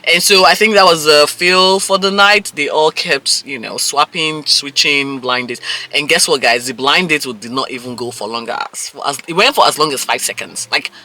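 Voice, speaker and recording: A man giving a casual, gossipy recap of a reality dating show, animated and quick to act out people's reactions. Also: a little high. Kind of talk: casual episode recap commentary.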